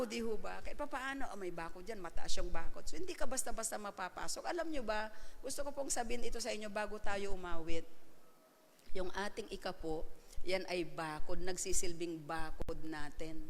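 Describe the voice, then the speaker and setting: A woman's voice: a little high, gravelly, bright, forceful tone, a little hiss or hum. An older woman pastor preaching a sermon, switching between Tagalog and English and calling on the congregation to respond. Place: church hall. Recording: long hall reverb.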